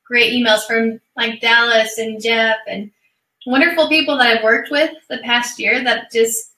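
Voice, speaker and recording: Effusive woman co-host, bright and distant. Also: fairly high pitch, fairly even intonation, measured pace, echoey room. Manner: warm, effusive, grateful. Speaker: webinar co-host. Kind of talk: casual webinar chat.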